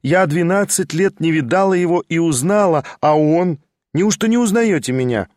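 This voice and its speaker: Man raising his voice for a young noblewoman, eager, exclaiming, higher pitch, dry close sound, spirited storybook heroine. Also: animated, moderate pace, a little mellow, no echo, natural voice. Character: young noblewoman on horseback, lively, impulsive, teasing.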